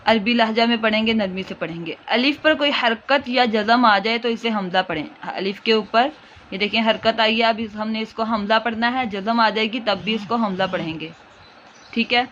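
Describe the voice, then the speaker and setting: A woman teaching Quran reading, speaking with a Pakistani Urdu accent and patiently drawing out each syllable in slow drills. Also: on the high side, fairly bright tone. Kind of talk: slow instructional recitation lesson. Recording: dull lo-fi audio, faint hiss.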